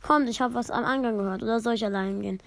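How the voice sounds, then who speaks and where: A young male hero, the leader of a small band, giving plain orders to his friends in a steady, commanding voice, as a woman reads him aloud. The voice sits a little high. It is a storybook reading with hardly any change from the reader's own voice. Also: fast talker, creaky.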